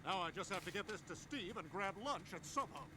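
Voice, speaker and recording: A man's voice: sits high, lively intonation, fairly quick, background noise. A man voicing a brash, dim, cheerful cartoon suburban dad. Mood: breezy, self-satisfied.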